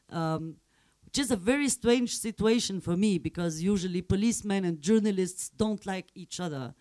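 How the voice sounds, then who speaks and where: A man's voice: high-pitched, a little mellow. A man speaking as a journalist on a discussion panel, hesitant with frequent fillers and restarts. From Morocco.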